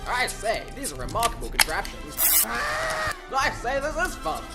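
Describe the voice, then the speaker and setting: A man playing a pompous old gentleman in a comic radio drama, speaking in exclamatory, old-fashioned phrases. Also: very high voice, wildly swooping pitch, unhurried, loud music behind the voice, heavily acted. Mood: jolly pompous. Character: blustering old English gentleman filmmaker and uncle.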